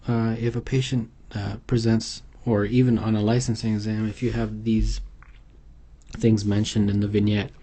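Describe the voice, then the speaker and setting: A man's voice: lowish voice, level tone, normal speed, mellow. A man giving an unscripted medical exam tutorial over slides, hesitant and full of fillers and restarts. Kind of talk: unscripted instructional lecture.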